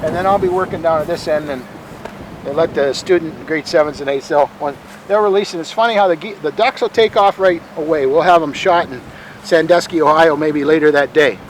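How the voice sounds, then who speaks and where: A middle-aged man giving an informal tour as a calm museum guide, explaining things in a matter-of-fact, halting, folksy way. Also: fairly high pitch, slight background noise, low-quality recording. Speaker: bird sanctuary museum guide and bird bander.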